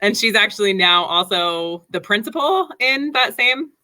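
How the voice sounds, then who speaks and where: A woman's voice: mid-range voice, animated, moderate pace, pushed and bright. A woman from Nebraska, a teacher, talking in a friendly, easygoing way as a podcast guest. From United States (Nebraska). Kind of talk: casual interview.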